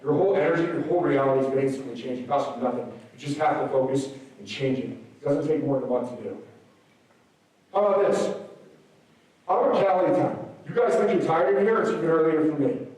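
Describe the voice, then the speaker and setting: A slightly hoarse man giving an energetic motivational speech to a school assembly, swinging between loud peaks and soft asides. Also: fairly high pitch, brisk, distant mic. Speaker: motivational speaker. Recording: very echoey hall, recorded from afar.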